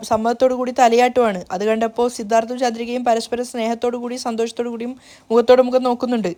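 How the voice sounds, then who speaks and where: A woman's voice: fairly high pitch, a little mellow. A woman casually retelling a TV serial episode, reading the characters' lines out in her own voice as she goes. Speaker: serial recap narrator.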